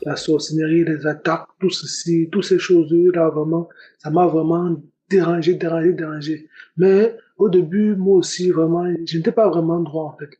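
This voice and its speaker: Young guy telling his testimony, kinda high voice, mellow tone, dull lofi sound. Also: steady tone, normal speed. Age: young adult. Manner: earnest, repeats words often. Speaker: testimony giver. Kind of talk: spoken testimony.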